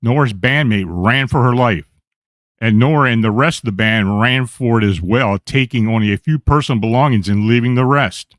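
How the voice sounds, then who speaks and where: A man hosting a radio show, reading eerie accounts aloud in a steady storytelling voice with small slips and self-corrections. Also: mid-range voice, normal speed, no echo.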